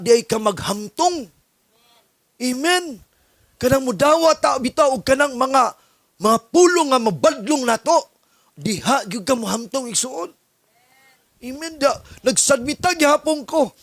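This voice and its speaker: A male pastor from the Philippines preaching a sermon as an animated story, acting out dialogues. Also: very high voice, no echo.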